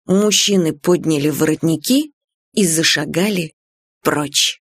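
A woman narrating a novel as an audiobook reader in an even, measured way. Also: low voice, slightly rough, no room sound, studio quality. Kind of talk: scripted narration.

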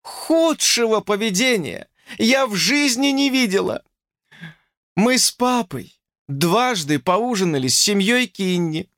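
Casting: a man doing a composed, mocking young woman, lilting and high, dry recording. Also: expressive, measured pace, a bit bright, no room sound. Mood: teasing. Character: teasing, self-assured young woman Lucy.

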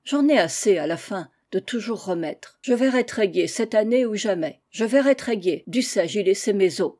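A proud old village tailor speaks with stubborn, emphatic resolve, as a woman reads him aloud. The tone is mellow and warm. He sounds like a figure in a storybook reading. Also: medium pitch, expressive, moderate pace, close to an everyday voice. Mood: determined.

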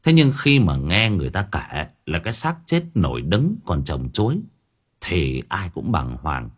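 A man narrating an audiobook story dramatically, slowing down for suspense. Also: low-pitched, wildly swooping pitch, breathy edge.

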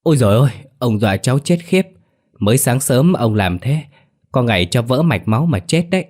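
A man's voice: animated, a little mellow, natural voice. A man voicing a flustered young woman baker. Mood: scolding. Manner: high, quick and scolding.

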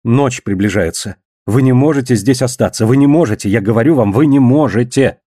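A man's voice: mid-range voice, brisk, mellow, dry recording, studio quality, close to an everyday voice. A man reading the lines of a tense, desperate woman in an audiobook, urgent and pleading.

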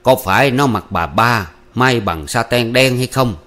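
A man voicing an old man, a former cook, who questions slowly and deliberately. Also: mid-range voice, expressive, fairly bright tone. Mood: probing. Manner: slow, probing, deliberate.

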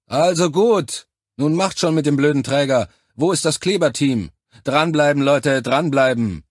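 A man voicing a gruff male drill instructor who gives curt, loud orders to recruits in an audiobook. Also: medium pitch, expressive, moderate pace, no room sound, clean studio sound, voice pushed up, close to an everyday voice. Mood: barking orders.

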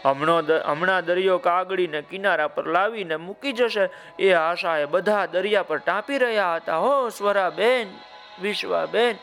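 A man telling a children's story, warmly addressing young listeners by name and adding asides. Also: sits high, moderate pace, faint music behind.

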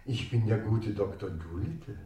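An actor playing a mischievous doctor declaiming boastfully like a spook in a German children's radio play. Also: male voice, on the low side, moderate pace, warm tone, natural voice. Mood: spooky, boastful. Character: mischievous doctor posing as spooky nighttime presence. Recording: heavy ghostly echo, distant.

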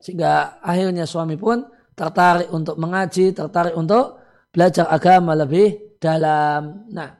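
A man, an Islamic cleric, giving calm religious advice to listeners, with many "eh" and "ya" fillers. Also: fairly high pitch, normal speed.

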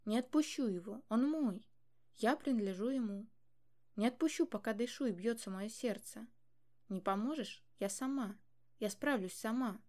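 A desperate young woman from a storybook pleads and defies her father, loud and raw, her voice breaking. A woman acts her out in a mellow tone. The rise in pitch and volume comes and goes with every plea. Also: steady tone, moderate pace, natural voice. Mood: defiant.

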